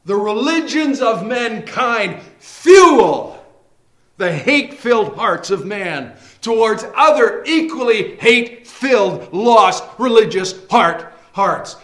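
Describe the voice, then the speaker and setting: A man's voice: high-pitched, expressive, slow, roomy sound. A man preaching a fervent, emphatic sermon, posing rhetorical questions to his listeners. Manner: emphatic, impassioned preaching that rises to shouting; repeatedly addresses listeners as friends.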